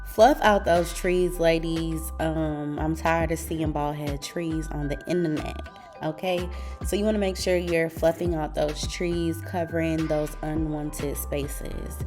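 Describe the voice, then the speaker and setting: A woman with a fairly low voice vlogs from her apartment living room, talking casually and sassily to her viewers as she works. Soft music plays behind her. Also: little pitch movement, a little slow. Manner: chatty, sassy, slangy asides to viewers. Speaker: vlogger. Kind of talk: casual home vlog, tutorial.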